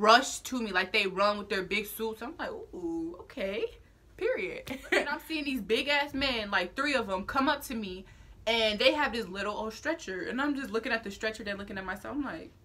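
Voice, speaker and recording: A young woman telling a storytime vlog in animated, casual slang, acting out what people said. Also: a little high, brisk. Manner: acts out quoted lines. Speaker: vlogger.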